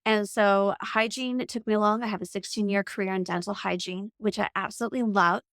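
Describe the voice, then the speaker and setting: Woman, forties, podcast guest, earnest reflective storyteller, mid pitch, frequent "like" fillers, dry close recording. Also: fairly even intonation, a little fast, fairly bright tone, dry recording. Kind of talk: conversational storytelling.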